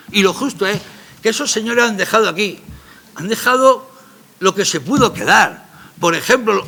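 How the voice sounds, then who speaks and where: A man's voice: sits high, vocal fry, pushed and bright. A man, a playwright talking about his play in a radio interview, emphatic and rambling in a colloquial way.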